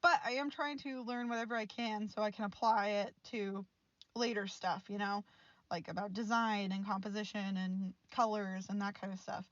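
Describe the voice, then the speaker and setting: A woman's voice: mid-range voice, fairly even intonation, moderate pace, no echo, dull audio. A woman in her twenties, an art student, rambling frankly over her art footage in a casual, mildly exasperated voice-over and laughing often. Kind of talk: casual chatty voice-over vlog.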